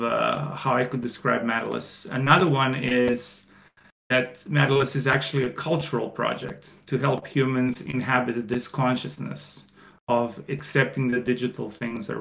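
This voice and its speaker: Croatian guy on a call, gravelly voice, flat delivery, lots of ums. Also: mid-range voice, low-quality recording. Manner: thoughtful, many fillers and pauses. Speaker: podcast guest, startup co-founder. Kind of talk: casual interview answers.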